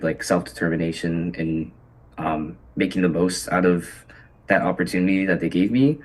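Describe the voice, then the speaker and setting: A young man from Hawaii, a college student on a video call, talking hesitantly with many ums and likes. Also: deep voice. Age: young adult. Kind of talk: casual video-call chat.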